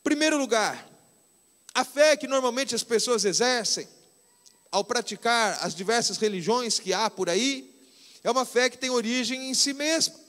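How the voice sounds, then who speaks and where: High-voiced Brazilian pastor in a reverberant hall. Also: male voice, fairly bright tone. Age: 50s. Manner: conversational preaching with slow, stressed key phrases. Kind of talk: sermon. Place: church hall.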